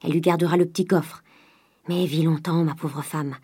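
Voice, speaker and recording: A woman voicing a miserly old man who is by turns gruff and wheedling, with a lower voice and shifting pace. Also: steady tone, normal speed, warm tone, dry recording, clean studio sound. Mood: coaxing, gruff.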